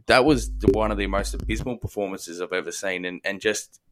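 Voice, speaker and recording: A man's voice: on the low side, a little fast, low-quality recording. A man with an Australian accent hosting a casual sports discussion podcast.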